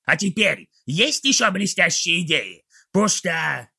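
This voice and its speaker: A man voicing a cruel, short-tempered goblin warlord who barks and rants orders in a shrill, gravelly voice. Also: sing-song, measured pace, sharp tone, exaggerated voice. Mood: irritated. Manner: barking, ranting orders.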